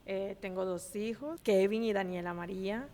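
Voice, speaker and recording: A Colombian woman in her forties, a guest speaking gently and softly and laughing when she teases. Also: mid-range voice, normal speed. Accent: Colombian Spanish. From Valledupar, Colombia. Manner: gentle, soft-spoken, laughs when teasing. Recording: reverberant hall with faint ambience.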